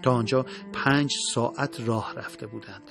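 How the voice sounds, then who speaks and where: A man narrating a dramatic story in a solemn, measured way. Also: medium pitch, fairly even intonation, vocal fry, music in the background.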